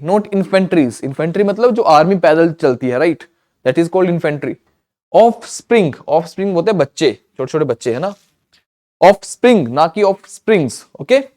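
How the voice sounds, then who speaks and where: A man gives an exam-prep grammar lesson in a fairly high voice. He explains in Hindi mixed with English, repeats each word and often checks in with "theek hai". He slows right down whenever he reads an English example. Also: a little mellow. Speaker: English teacher.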